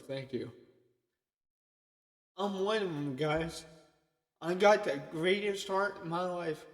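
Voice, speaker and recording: A man preaching an informal sermon in a conversational way, often checking in with "okay?". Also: a little high. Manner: conversational, repeatedly asks "okay?". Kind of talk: informal sermon to an online group. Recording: echoey long reverb.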